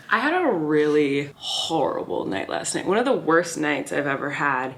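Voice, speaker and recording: A woman's voice: on the low side, fairly bright tone, slight background noise. A woman vlogger chatting in an informal, confiding and slightly rambling way. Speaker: vlogger and mother of a toddler. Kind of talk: casual confiding vlog chat. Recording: background music under the voice. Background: music.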